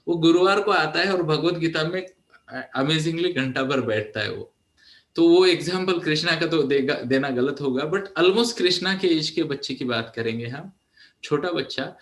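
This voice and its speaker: Man, motivational counsellor, fairly high voice, chatty and animated, echoey room. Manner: conversational, animated, asks "है ना?" often, mixes in English. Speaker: counsellor giving a talk. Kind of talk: motivational talk to an audience.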